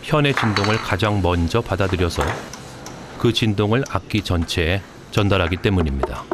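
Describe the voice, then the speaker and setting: Calm, lively-toned male documentary narrator. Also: low voice, normal speed, very noisy. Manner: calm, explanatory. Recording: voice-over with loud music behind.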